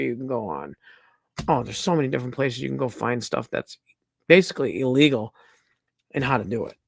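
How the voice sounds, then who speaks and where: Gravelly, blunt-talking man hosting a livestream. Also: mid-range voice, a bit bright, dry recording. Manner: blunt, rambling, swears freely. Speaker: livestream host. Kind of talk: casual livestream chat.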